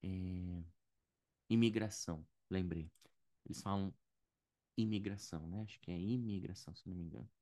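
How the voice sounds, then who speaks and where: A man's voice: sits low, moderate pace, pauses often, warm tone, dry recording. Brazilian man teaching in a dry room. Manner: explains patiently with frequent "né?" and "tá?", thinks aloud. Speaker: English teacher. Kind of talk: casual online lesson.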